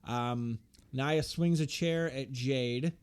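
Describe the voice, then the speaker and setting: A man in a casual podcast chat walks through a wrestling match move by move. His voice sits at an ordinary middle pitch, and he keeps dropping dry, sarcastic remarks between the moves. He uses plenty of "uh" and "like" and keeps it relaxed. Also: slow pace, crowd noise. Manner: loose play-by-play recap, frequent fillers, sarcastic asides. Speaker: podcast co-host recapping wrestling.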